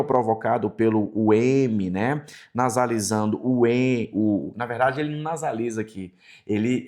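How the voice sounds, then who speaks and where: A Brazilian man teaching a Portuguese grammar lesson for exam prep, stretching out example words and checking in with the class. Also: mid-range voice. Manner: lively, drawn-out example words, frequent "tá vendo?" checks.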